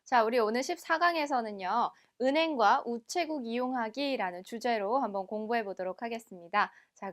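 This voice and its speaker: Lady teaching french, bit high voice, goes slow and says every word twice. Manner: explains step by step, repeats each word slowly twice. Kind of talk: recorded language lesson.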